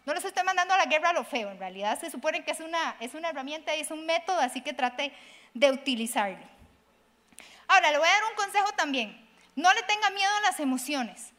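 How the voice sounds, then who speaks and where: A middle-aged woman pastor, preaching in an animated, conversational way, acting out quoted voices and addressing listeners directly. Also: high-pitched, quick pace. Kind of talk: conversational sermon.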